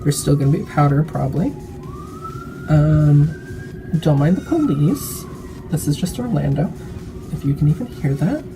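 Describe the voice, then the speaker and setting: A woman's voice: low-pitched, normal speed, long pauses, background noise. A woman giving a casual, chatty makeup tutorial while tipsy, rambling drunkenly and swearing freely.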